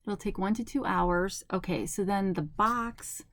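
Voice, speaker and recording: A middle-aged woman chatting casually at home as a haul vlogger, thinking aloud and reading things out slowly. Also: medium pitch, a bit bright, no echo. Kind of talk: casual unboxing chat. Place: at home, at a table.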